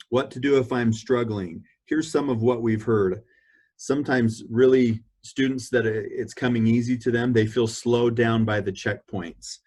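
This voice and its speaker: A man presenting to parents in an online meeting. He steadily explains the school's learning approach over a video call. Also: fairly low pitch. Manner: steady, explanatory, walks through slides.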